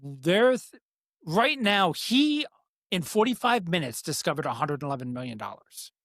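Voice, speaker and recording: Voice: medium pitch, very animated, normal speed, fairly bright tone, dry recording, clean studio sound. A podcast host with a speech impediment that turns R sounds toward W, talking politics casually in a blunt, profane way. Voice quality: speech impediment, cannot pronounce R sounds, says W for R.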